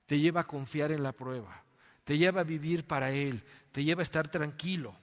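A man's voice: a little high, normal speed, big-room sound. A man preaching a sermon, telling a story with rhetorical questions. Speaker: pastor.

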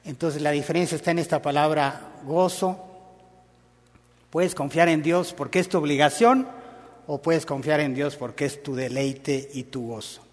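A man's voice: fairly high pitch, moderate pace, long reverb tail. A man preaching a sermon in a conversational, storytelling way.

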